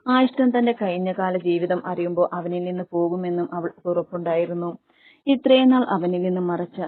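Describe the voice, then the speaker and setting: A woman storyteller reads a romance story with feeling, sometimes stumbling and restarting words. Her voice is on the low side and sounds tinny, like it came over a phone. The recording is dry, with no room echo. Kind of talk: storybook narration.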